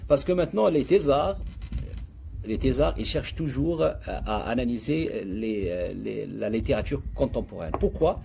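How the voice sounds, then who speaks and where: A man's voice: medium pitch, moderate pace, vocal fry, a little hiss or hum. A man, a guest author, talking in an interview, telling stories and reciting verse with animation. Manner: animated storyteller, quotes Arabic verse. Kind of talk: explanatory interview talk.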